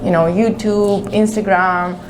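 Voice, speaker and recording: A woman's voice: medium pitch, steady tone, a little slow, slight background noise, rough recording. A woman in her thirties from Kazakhstan, answering interview questions casually, with many hesitations and restarts. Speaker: guest.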